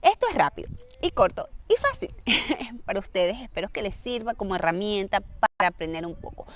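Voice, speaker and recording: A woman's voice: mid-range voice, very animated, moderate pace. A woman whose first language is Spanish, giving a casual video lesson and patiently explaining pronunciation, checking understanding with frequent "ok?". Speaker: language teacher.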